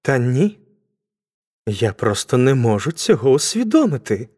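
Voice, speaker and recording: A woman's voice: medium pitch, sing-song, slow pace, darkish tone. A woman voicing an anxious young man who talks hesitantly and pleads. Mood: pleading. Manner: hesitant, wheedling.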